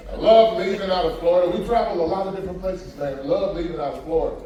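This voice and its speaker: High-voiced guy doing stand-up on a cruise ship, loud and quizzing the crowd, far from the mic, audience laughing. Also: steady tone, quick pace, noisy background. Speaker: stand-up comedian. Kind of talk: stand-up comedy with crowd work. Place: cruise ship show lounge. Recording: echoey lounge, distant mic, audience. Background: audience laughing and answering.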